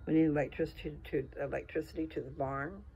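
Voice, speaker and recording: A man's voice: fairly high pitch, steady tone, fast, mellow, a little hiss or hum. A man talking in a casual, folksy, rambling way, thinking aloud as if to someone he knows. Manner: folksy, informal, thinking aloud with trailing asides.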